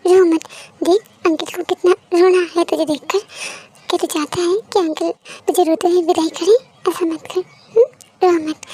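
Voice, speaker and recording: A woman voicing a male friend gently coaxing the bride to stop crying. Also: extremely high pitch. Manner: soothing, coaxing.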